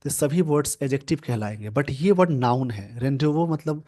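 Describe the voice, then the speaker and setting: A man teaching English grammar from a newspaper, explaining slowly and repeating key words. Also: medium pitch, expressive, dark tone. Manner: slow, repetitive explaining, mixing English terms into Hindi.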